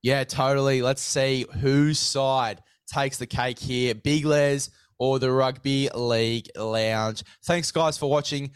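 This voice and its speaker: A man hosting a relaxed sports chat, talking in a matey, slangy way. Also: medium pitch, takes it slowly, few pauses, smooth, no room sound, clean studio sound. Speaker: podcast host.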